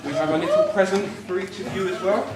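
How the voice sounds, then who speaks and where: A man's voice: high-pitched, animated, fast. A British man giving an informal, teasing wedding toast as the groom. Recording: distant mic, roomy, loud crowd noise. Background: noisy wedding guests.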